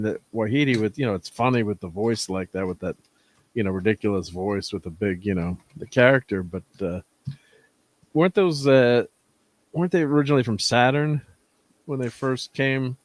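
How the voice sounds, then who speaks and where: A man hosting a casual chat about comics, rambling and halting, often laughing. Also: fairly low pitch, no room sound. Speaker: host.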